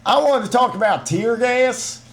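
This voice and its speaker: A man's voice: very high voice, measured pace. A man ranting in casual podcast chat, putting on a thick Southern twang, emphatic and folksy, often repeating his words. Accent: put-on Southern US twang. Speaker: podcast co-host.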